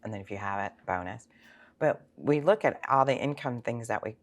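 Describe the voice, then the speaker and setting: Speaking fairly quickly in a rumbling low, animated voice, a sixty-year-old financial planner answers interview questions conversationally. She explains informally, using examples and rhetorical questions.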